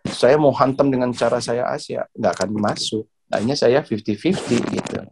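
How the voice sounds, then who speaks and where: Chatty laughing middle-aged Indonesian coach. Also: male voice, mid-range voice, normal speed, creaky, noisy background. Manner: relaxed and chatty, laughs often, repeats words while he searches for them. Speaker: badminton coach and interview guest. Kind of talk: casual interview storytelling.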